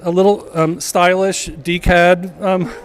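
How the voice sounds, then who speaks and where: High-voiced man projecting to a gallery crowd. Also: little pitch movement, slow. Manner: projecting to a room, hesitant with fillers. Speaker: college department chair giving remarks. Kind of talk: casual public remarks. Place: art gallery event, indoors.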